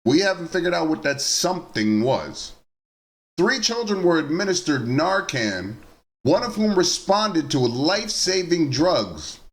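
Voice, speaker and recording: Animated man reading and reacting to news. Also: a little high. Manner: informal, addresses viewers as nieces and nephews; reads the reports, then adds blunt personal asides. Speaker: news commentary vlogger. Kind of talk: reading news stories aloud and commenting.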